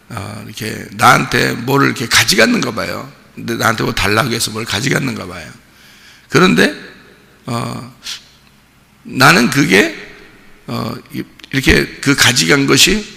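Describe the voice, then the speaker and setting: A man pastor preaching a sermon, swinging between loud emphatic outbursts and soft, slow storytelling. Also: mid-range voice, vocal fry, long reverb tail. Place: church.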